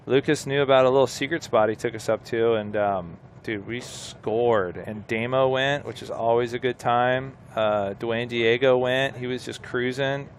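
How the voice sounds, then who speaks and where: A man co-commentating a surf contest in casual chat, with relaxed surfer slang. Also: mid-range voice, moderate pace, hardly any pauses. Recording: outdoor background noise.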